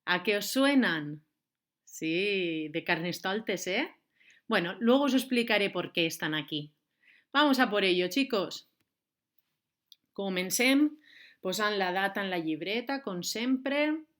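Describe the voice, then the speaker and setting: Slow, clear-speaking Valencian woman teacher. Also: mid-range voice, expressive, a bit bright. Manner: slow, clear, encouraging, speaks to kids and switches between Valencian and Spanish. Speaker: primary school teacher. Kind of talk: remote lesson for young children.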